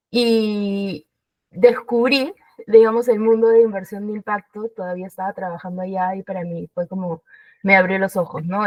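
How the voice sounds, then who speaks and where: A woman's voice: medium pitch, a little mellow, no room sound, distant mic, poor audio. Peruvian woman, chatty interview guest. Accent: Peruvian Spanish. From Peru. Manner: chatty, with frequent fillers and English business terms. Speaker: guest, investment director. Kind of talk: casual interview.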